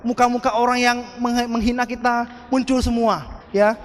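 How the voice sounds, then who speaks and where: Motivational speaker, man, very high voice, long hall echo, animated and audience-directed. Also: moderate pace, heavy background noise. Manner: animated, addresses the audience as "Pak" and asks "betul nggak?". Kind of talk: motivational seminar talk.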